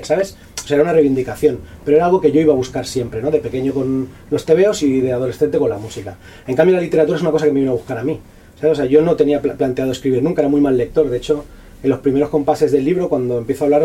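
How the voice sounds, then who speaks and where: Fast-talking man, heard from afar. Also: medium pitch, warm tone, slightly rough. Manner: fast, slangy and profane, with many restarts. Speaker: author presenting his book. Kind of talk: casual talk at a book presentation. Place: bookshop event space. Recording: distant voice with faint room noise.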